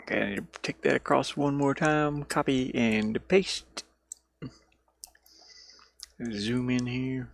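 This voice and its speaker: Speaking slowly in a steady, creaky mid-range voice with long pauses, a man livestreams from inside a van while working. He's a streamer and indie game developer whose casual chat rambles playfully and is easily sidetracked.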